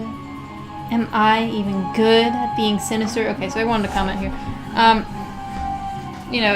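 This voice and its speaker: A woman's voice: medium pitch, low-quality recording. Woman chatting casually over game music. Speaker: let's play co-host. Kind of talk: casual chat commentary. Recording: music playing behind.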